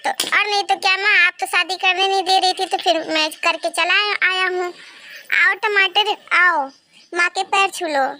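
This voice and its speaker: A man's voice: very high-pitched, steady tone, moderate pace, pushed and bright, exaggerated voice. A man voicing a stubborn, devoted young son in a cartoon, talking firmly. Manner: firm, pleading with his mother. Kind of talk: cartoon voice acting.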